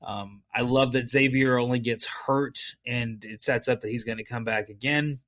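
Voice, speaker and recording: A man in a casual podcast conversation, talking at a steady middle pitch. He rambles enthusiastically through asides and filler words. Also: normal speed. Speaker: podcast co-host.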